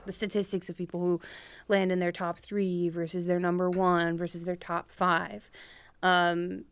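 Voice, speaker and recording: A young woman co-hosting a podcast with a lowish voice, chatting freely and laughing often. Her speech is loose and full of fillers. The sound is close and dry. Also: dry recording. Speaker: podcast co-host. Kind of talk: casual podcast chat.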